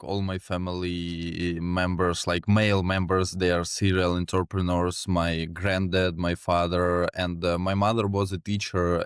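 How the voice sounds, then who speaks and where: A man in his twenties from Ukraine, a guest in a casual interview, talking in a relaxed way with many fillers and small chuckles. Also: deep voice, smooth, no room sound, clean studio sound. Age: 20s. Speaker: guest, sales executive.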